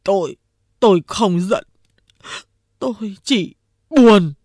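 A woman's voice: fairly low pitch, measured pace, darkish tone, no echo, studio quality. A woman voicing a big, burly male company boss who despairs and weeps, pleading in a self-pitying way. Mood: despairing. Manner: sobbing, self-pitying pleas.

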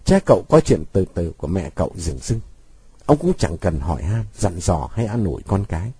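A man narrating a novel in a dramatic, expressive reading. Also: low-pitched, brisk, breathy edge, no echo. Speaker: audiobook narrator. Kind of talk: scripted story narration.

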